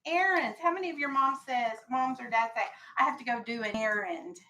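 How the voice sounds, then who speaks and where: A high-pitched, brisk woman's voice, pushed and bright, comes through a low-quality recording. She's an American elementary school teacher leading a vocabulary lesson for young kids in a classroom, giving directions and posing questions.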